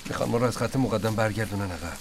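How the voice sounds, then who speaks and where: A man's voice: lowish voice, a little hiss or hum, close to an everyday voice. A man playing a wounded, weary officer. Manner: quiet, weary. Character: wounded, tired male officer.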